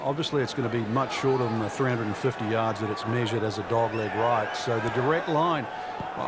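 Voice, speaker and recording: A man's voice: medium pitch, very noisy, natural voice. A man playing an easygoing golf analyst, giving conversational colour commentary with plenty of ums. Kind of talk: conversational golf commentary for a video game broadcast. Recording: music behind voice. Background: music.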